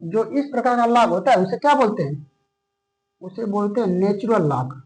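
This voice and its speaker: Speaking expressively at a moderate pace, a man with a high, darkish voice teaches a maths class step by step. He's patient, slips English maths terms into his sentences, and checks in constantly with "okay?" to confirm students follow. The recording is low quality.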